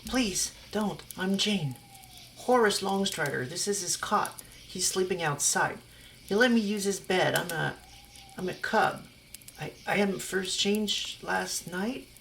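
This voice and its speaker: A woman's voice: medium pitch, lively intonation, takes it slowly, gravelly, a bit bright, slight background noise, voice pushed up, heavily acted. A woman voicing Jane, a wary teenage girl who has just become a werewolf cub, speaking hesitantly with stammers. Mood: pleading.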